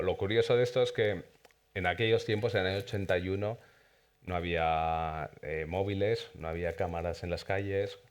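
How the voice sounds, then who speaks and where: A man with a very deep voice and an Aragonese accent, speaking in a festival press interview. He explains at length, repeating words and restarting often as he goes. He is from Zaragoza and talks as the creator of a series. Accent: Aragonese Spanish. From Zaragoza, Spain.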